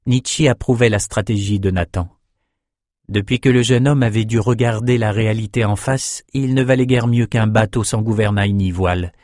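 A man reading a fantasy audiobook in a steady, even narrating voice. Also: fairly low pitch, no room sound, clean studio sound.

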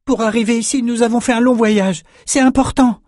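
A man's voice: very high voice, steady tone, fairly quick, darkish tone, no room sound, clean studio sound, pitched above the performer's own voice. A man voicing a small, stubborn girl who speaks earnestly and insistently in an audiobook. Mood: pleading. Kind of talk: audiobook character voice.

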